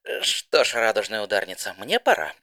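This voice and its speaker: A man's voice: on the low side, very animated, a little fast, sharp tone, no echo, studio quality, heavily acted. A man voicing a confident veteran flier mare with a laid-back, teasing manner. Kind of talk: fan audiobook voice acting.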